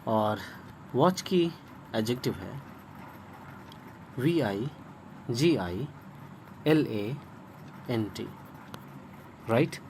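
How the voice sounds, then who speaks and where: A man's voice: mid-range voice, expressive, extremely slow, pauses often, a little mellow, slight background noise. A man with an Indian accent teaching English vocabulary in an online lesson, spelling words letter by letter and repeating pronunciations patiently. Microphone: phone screen recording.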